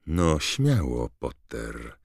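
A man's voice: takes it slowly, vocal fry, dry recording, studio quality, full character voice. A man doing a sneering schoolboy bully. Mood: quiet menace. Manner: mocking, taunting, shrill.

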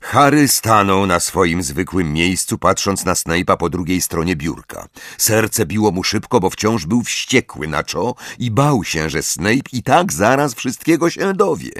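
A man narrating an audiobook in measured, expressive storytelling. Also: low-pitched, dry recording, clean studio sound. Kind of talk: scripted narration.

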